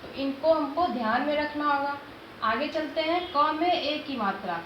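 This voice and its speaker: A high-voiced woman teaches young children, asking questions and answering them herself as she sounds out syllables one by one. The recording is dull and low-fi, with room echo and steady noise behind her. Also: normal speed. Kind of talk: classroom lesson explaining Hindi vowel signs.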